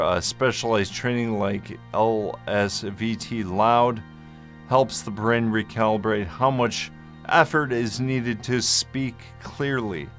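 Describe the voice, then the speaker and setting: Here a man shares his medical journey in a casual vlog explainer, mixing note reading with improvised remarks. His delivery is slow and careful, broken by long pauses and now and then slightly slurred, in a medium, somewhat bright voice.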